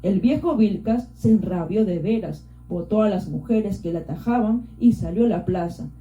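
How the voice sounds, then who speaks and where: A woman narrating an audiobook in a steady, measured storytelling voice. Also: medium pitch. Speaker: audiobook reader. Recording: roomy, dull lo-fi.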